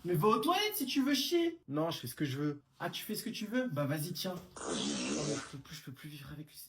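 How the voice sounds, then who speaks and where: A woman's voice: low voice, wildly swooping pitch, a little fast. A woman doing a roommate in whispered role-play. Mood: irritated. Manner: hushed, irritated squabbling. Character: bickering roommate, irritated, at night.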